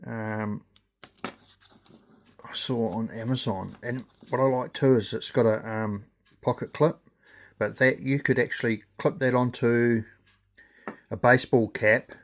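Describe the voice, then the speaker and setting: Male, New Zealand accent, slow and hesitant, unscripted casual reviewer. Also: medium pitch, steady tone. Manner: halting, hesitant delivery with pauses. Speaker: gadget reviewer.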